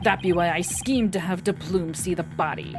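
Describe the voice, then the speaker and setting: A woman's voice: on the low side, lightly acted. A woman doing a swaggering pirate rapper man. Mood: gruff. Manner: slow drawled pirate talk with "arr" and "be". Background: game music.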